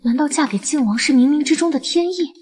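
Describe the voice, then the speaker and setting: A woman's voice: high-pitched, lively intonation, fast, a little mellow. An actress playing a shrewd, self-assured young noblewoman with a wry, unflappable manner in a costume drama. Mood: resolute. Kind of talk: Chinese costume short-drama acting.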